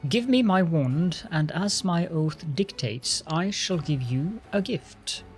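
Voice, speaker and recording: A man's voice: fairly high pitch, lively intonation, takes it slowly. An arrogant, sneering undead lich lord acted out by a man from a fantasy game. He speaks with haughty command and imperious disdain, over a bed of music. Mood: lordly, demanding. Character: arrogant undead lich, lordly old military master. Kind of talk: dramatic voiced game dialogue.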